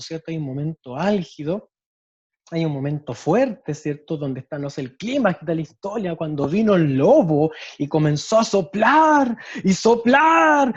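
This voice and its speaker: The speaker is a male special education teacher with a Chilean Spanish accent and a husky, dark, slightly high voice, delivering an explanatory storytelling lecture. Tag questions recur as he checks in with listeners. The recording is muffled, without room sound.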